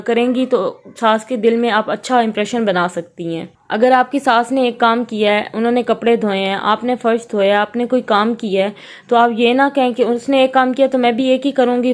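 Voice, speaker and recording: A young woman with a Pakistani Urdu accent talks straight to her viewers in a slightly high voice. She gives earnest, patient advice and circles back over the same points, dropping casual English words in as she goes. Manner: earnest, repetitive advising with everyday English words mixed in. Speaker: vlogger giving family advice. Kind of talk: casual advice talk to camera.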